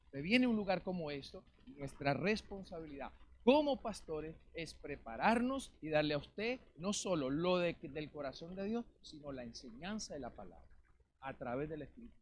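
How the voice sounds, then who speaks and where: A man preaching a lively sermon as pastor in a church, calling out questions to the congregation. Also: on the high side, normal speed, a little hiss or hum. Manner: calls out to the congregation, rhetorical questions. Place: church in Valencia, Spain. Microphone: live-streamed service mic.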